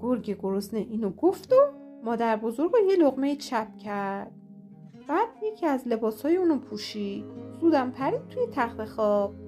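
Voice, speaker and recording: Warm-voiced woman storyteller, fairly high, playful delivery, faint guitar behind. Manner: lively, expressive storytelling. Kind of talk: children's bedtime story narration. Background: soft guitar music.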